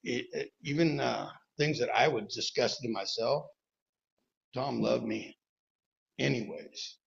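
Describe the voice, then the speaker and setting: A man giving a rambling, halting tribute at a memorial recovery meeting, mixing jokes into it. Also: medium pitch, gravelly, husky, dull audio. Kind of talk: personal tribute speech.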